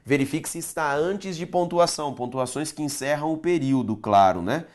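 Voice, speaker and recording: An animated male teacher with a higher, darkish voice gives a Portuguese grammar lesson on video to exam candidates. Writing on a board as he goes, he throws rhetorical questions at the class and lengthens key words slowly.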